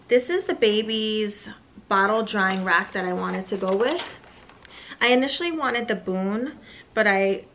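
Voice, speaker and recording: A woman's voice: mid-range voice, sharp tone, slight background noise. A young woman, an expectant mother, chatting casually through a haul of baby items, a little out of breath, with fillers and asides. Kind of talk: casual product haul vlog.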